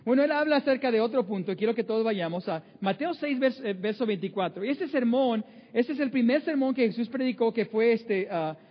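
A man's voice: very high voice, animated, brisk. A man preaching a sermon in a conversational way, with many fillers and acted-out inner voices. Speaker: pastor. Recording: muffled sound in a reverberant hall.

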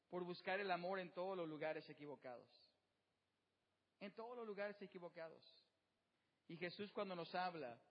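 A male pastor preaching a sermon outdoors, often asking the congregation questions and slowing down to stress key words. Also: high-pitched. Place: outdoor service with birds nearby. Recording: dull sound with long reverb.

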